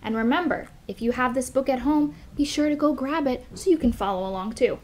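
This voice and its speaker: A woman reading a children's picture book aloud as a storyteller, in a gentle, expressive, sing-song manner. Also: sits high, a little fast.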